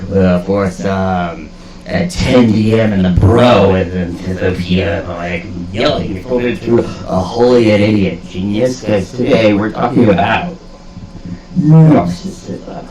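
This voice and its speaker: A man's voice: on the low side, unhurried, a crowd in the background. A man delivering a mock-philosophical comedic rant in profane bro slang, with hammy, theatrical emphasis and swagger. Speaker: host of a comedic monologue. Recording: roomy echo, music behind.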